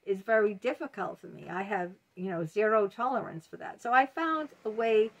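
A woman in her late fifties hosts a self-help video from a bookshelf-lined room at home, giving an emphatic motivational talk to camera. She repeats key words and says "you know" often, in a mid-range voice at normal speed, picked up close by a desk webcam with lo-fi sound.

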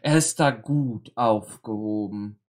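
A man reading a dark fairy tale aloud, voicing a scheming mother who hushes her daughter and lies smoothly. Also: on the low side, takes it slowly. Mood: false cheer. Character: scheming cold-hearted mother.

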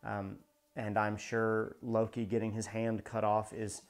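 A man's voice: on the low side, completely flat delivery, a little slow. A man in his thirties chatting through a show breakdown in a casual video, with many fillers and restarts, recorded indoors in a small studio. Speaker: show reviewer. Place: indoor home studio in front of a backdrop.

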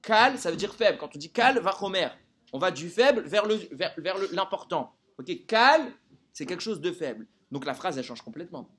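Male Torah teacher addressing a live group, somewhat high-pitched, very expressive delivery, constantly quizzing his listeners. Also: normal speed, husky. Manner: animated, quizzes listeners with rhetorical questions.

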